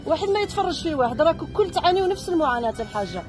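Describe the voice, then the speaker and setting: A woman's voice: extremely high pitch, very animated, rapid-fire. A woman with an Algerian Arabic accent, speaking reassuringly as a reporter in a street interview. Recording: outdoor clip with music behind.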